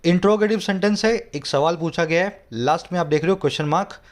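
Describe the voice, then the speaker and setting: A man's voice: high-pitched, quick pace. A man with an Indian English accent teaching English from a newspaper editorial, explaining each word and checking that his students follow. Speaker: English tutor. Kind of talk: editorial reading lesson.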